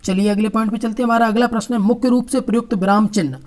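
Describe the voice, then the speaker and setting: A woman's voice: on the high side, fairly even intonation, very fast, a little mellow. A woman teacher with a Hindi accent, reading out exam questions and their answers and explaining each step by step to her viewers.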